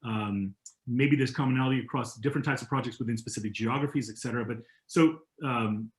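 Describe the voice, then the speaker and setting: A man speaking as a guest in a webinar, talking casually with quick asides and restarts over a video call. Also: mid-range voice. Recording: roomy echo.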